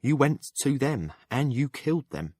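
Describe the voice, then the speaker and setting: A man's voice: medium pitch, very animated, moderate pace, no room sound, clean studio sound, pitched above the performer's own voice. A man voicing a blunt, shrewd middle-aged townswoman who reads palms, speaking frankly in an audiobook. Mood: firm. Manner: frank and sharp-tongued. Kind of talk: audiobook character voice.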